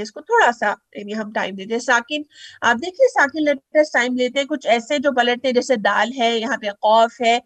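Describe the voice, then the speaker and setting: A woman's voice: a little high, no room sound. A woman teaching Quran recitation step by step, patiently drawing out syllables to demonstrate.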